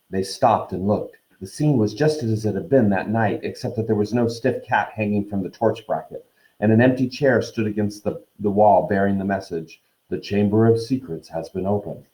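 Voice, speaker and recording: A man's voice: fairly low pitch, warm tone, echoey room, poor audio. Friendly man reading a story aloud. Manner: friendly, acts out the characters' lines. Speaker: teacher reading a novel to his class.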